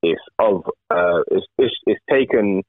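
A man on a podcast, talking in a halting way, repeating words as he thinks. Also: low-pitched, no echo. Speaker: podcast co-host. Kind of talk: casual chat. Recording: tinny phone-like remote call.

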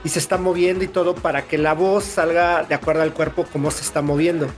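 A man with a Mexican accent hosting a casual podcast chat, animated and full of slang, often talking over the others. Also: a little high, quick pace, faint music behind. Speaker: podcast host.

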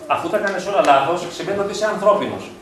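A man with a slightly high voice gives a reflective lecture to parents and often asks them rhetorical questions. He is recorded from a distance in a school hall with heavy echo. Faint noise sits under his voice. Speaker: psychologist. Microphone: distant from the mic. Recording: echoey hall from far off.

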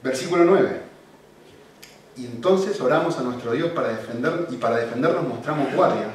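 Guy preaching, loud then hushed, sounds far off in a really echoey room with a little hiss. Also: mid-range voice, normal speed. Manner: animated, swings from loud emphasis to quiet storytelling. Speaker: pastor. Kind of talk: sermon.

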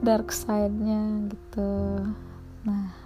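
A woman's voice: medium pitch, big pitch swings, extremely slow, over music. A young woman casually telling stories about her former daycare job, chatty and full of fillers. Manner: chatty, lots of fillers, mimics others in quotes. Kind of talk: casual storytelling chat.

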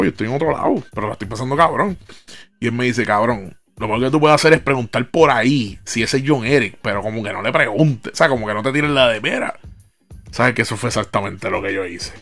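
A young man with a Puerto Rican accent telling a casual, slang-heavy story as a podcast host, acting out what people said and laughing along. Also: mid-range voice. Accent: Puerto Rican Spanish. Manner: slangy, animated storyteller who mimics dialogue and laughs.

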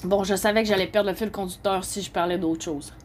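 A journalist with a Québécois French accent delivers a casual, heated monologue at a homeless shelter, rambling indignantly and peppering it with "là" and "tu sais". Her mid-range voice is steady in tone and a little fast, with slight background noise.

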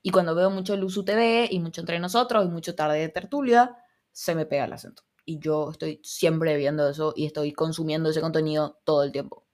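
A woman's voice: sits low, a little fast, darkish tone. A young woman from Paraguay with Argentine touches in her Spanish, rambling and giggling through a casual solo podcast chat. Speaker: podcast host.

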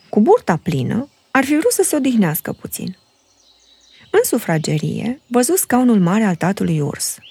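A woman narrating a children's fairy tale with a lively, expressive reading. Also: medium pitch, breathy edge, no echo. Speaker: storyteller.

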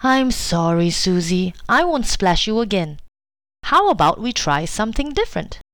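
A woman's voice: mid-range voice, big pitch swings, measured pace, no room sound, clean studio sound. A woman voicing a playful young female hippo, in a children's storybook reading. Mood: apologetic.

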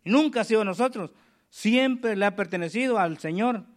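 A man preaching a sermon, reading scripture aloud slowly and calling the congregation for amens. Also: high voice.

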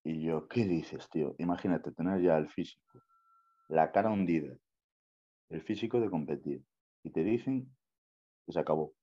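A man's voice: extremely low pitch, moderate pace, long pauses, dark tone, highs cut off. A young man from Spain with a Spanish accent, a bodybuilder guest telling his story in a casual interview, swearing freely and tagging lines with "tío" and "¿sabes?". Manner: slangy, swears often, keeps saying "tío" and "¿sabes?".

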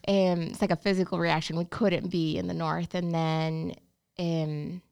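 Gravelly-voiced woman from Honduras, chatty. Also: fairly low pitch, little pitch movement, a little slow, darkish tone, no room sound. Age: 30s. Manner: chatty, storytelling, upbeat. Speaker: bakery owner, guest. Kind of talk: casual interview chat.

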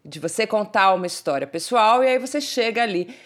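Brief: woman interviewer, mid-range voice, calm and reflective questions. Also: medium pitch, fairly quick.

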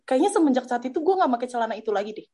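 A young woman co-hosting a podcast, chatting in a relaxed, easygoing way and recalling her own stories. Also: high voice, racing. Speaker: podcast co-host. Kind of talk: casual chat.

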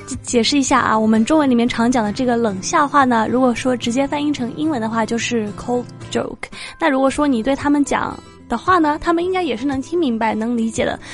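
A slightly high-voiced woman leads a bilingual lesson, explaining terms step by step with bright energy. Gentle guitar music runs behind her. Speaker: English teacher host.

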